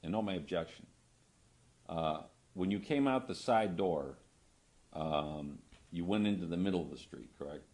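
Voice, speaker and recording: A lawyer questions a witness in court in a conversational way, his phrasing halting as he seeks confirmation. His voice is low and a little mellow.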